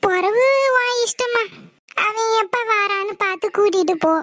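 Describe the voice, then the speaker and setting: A woman's voice: extremely high pitch, fairly even intonation, normal speed, fairly bright tone, faint music behind. A woman putting on an older mother-in-law. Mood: matter-of-fact. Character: older village mother-in-law, practical and calm. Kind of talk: cartoon voice acting.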